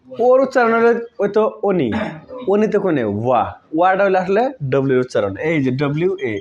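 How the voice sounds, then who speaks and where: Guy teaching grammar, kinda high voice, slightly muffled audio. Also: a little mellow. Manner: conversational, asks pupils checking questions. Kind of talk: informal classroom explanation.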